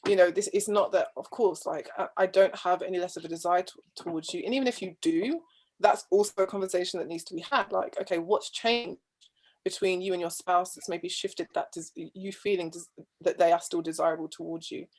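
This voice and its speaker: A woman's voice: on the low side, steady tone, brisk, darkish tone. A woman, a guest speaker on marriage, heard over a video call with a patchy connection, talking earnestly and restarting her phrases often. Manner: thoughtful and earnest, with frequent restarts and trailing phrases. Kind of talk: conversational discussion.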